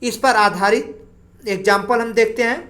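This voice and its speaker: A woman teacher explaining grammar slowly for exam preparation, drawing out single sounds as she goes. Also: on the high side, steady tone, fairly bright tone. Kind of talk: exam-prep grammar lesson.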